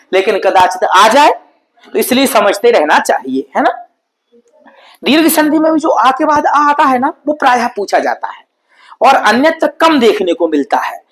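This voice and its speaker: A man's voice: extremely high pitch, a bit bright, rough recording. Patient man teaching at a board. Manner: patient, repetitive explaining with frequent "है ना?" check-ins; stretches out and sounds out example words slowly. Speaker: Sanskrit teacher. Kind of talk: exam-prep lesson explaining grammar at a board.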